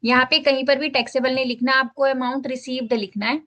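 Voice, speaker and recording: A woman's voice: high voice, steady tone, fast talker, sharp tone. A woman teacher walking students through a tax filing form step by step, mixing English phrases into Hindi and checking in often. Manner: explains step by step, repeats "ठीक है" to check in. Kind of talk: screen-share tax filing lesson.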